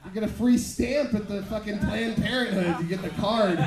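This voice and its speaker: Smutty stand-up comic, high-pitched creaky man. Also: normal speed. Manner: leering, smutty joking. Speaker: stand-up comedian. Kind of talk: stand-up comedy, conversational and profane. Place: small bar or club stage at night. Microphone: handheld stage microphone through PA, filmed from the audience. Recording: echoey room recording with audience noise.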